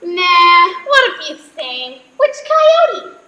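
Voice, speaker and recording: A woman's voice: very high voice, sing-song, slow pace, bright, forceful tone, full character voice. A woman playing a forgetful, widowed old farm grandmother, folksy and wistful, in a comic stage play. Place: theatre stage. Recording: roomy theatre stage sound.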